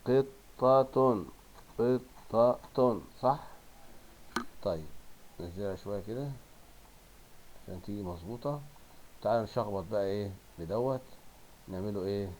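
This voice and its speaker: A male teacher with an Egyptian accent giving a primary school Arabic lesson, drawing out words slowly and praising pupils. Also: lowish voice, darkish tone, slight background noise. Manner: coaxing, drawn-out word modeling with praise.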